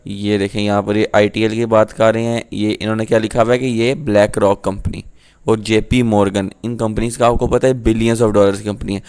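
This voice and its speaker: A man's voice: fairly low pitch, level tone, normal speed, darkish tone, clean tone. A man, talking casually to viewers through a screen-share explainer and often checking in with "thik hai". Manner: casual, explanatory, repeats "ठीक है". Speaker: crypto YouTuber.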